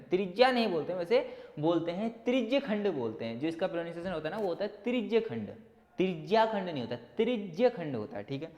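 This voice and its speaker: A man with a slightly high voice gives a whiteboard exam-prep maths lesson, asking questions and answering them himself between bits of encouraging pep talk. His voice trails off in a long reverb tail.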